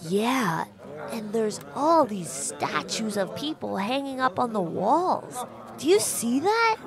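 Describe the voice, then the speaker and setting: An eager, wide-eyed young boy, voiced by a woman, exploring history in a children's audio drama. The voice sits fairly high and swoops through a lively range. He sounds full of wonder at each new find. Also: slow pace, crowd noise, exaggerated voice. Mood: excited.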